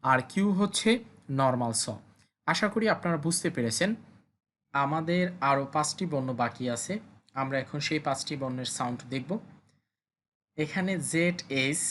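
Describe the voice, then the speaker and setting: A woman teaching a pronunciation lesson, patiently repeating each sound slowly for learners. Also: low-pitched, slight background noise. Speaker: language teacher.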